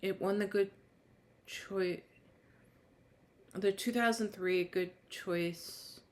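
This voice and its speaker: A woman's voice: medium pitch, fairly even intonation, drawn-out words, a little mellow. A woman reviewing a book, reading its blurb aloud and then chatting loosely with many restarts. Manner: rambling, many restarts and trailing thoughts. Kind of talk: casual book review chat.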